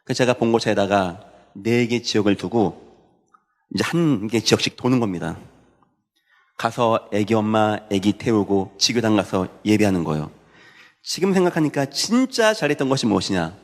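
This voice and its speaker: A man's voice: fairly low pitch, lively intonation, moderate pace, big-room sound. A male pastor preaching a Sunday sermon, telling stories and building to fervent proclamation. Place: church sanctuary.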